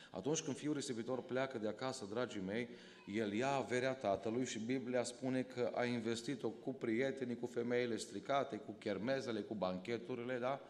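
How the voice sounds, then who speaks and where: A man's voice: mid-range voice, slight background noise. Romanian male pastor, mid-range voice, emphatic sermon delivery, long church-hall reverb. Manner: preaching with rising emphatic calls to the congregation.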